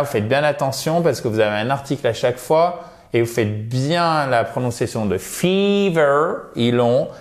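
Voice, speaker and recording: A man's voice: medium pitch, darkish tone. Chatty male teacher drilling English words. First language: French. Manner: chatty, jokey, switches between French and English; drills words slowly, repeating them for pronunciation. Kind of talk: vocabulary lesson for French speakers.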